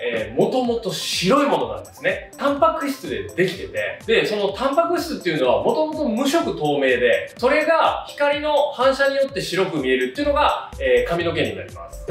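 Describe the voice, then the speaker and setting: Lively high-voiced man explaining hair care. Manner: explanatory, frequent fillers, rising lively delivery. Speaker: hairdresser. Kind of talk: explainer video to camera. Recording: roomy, slightly distant with soft music.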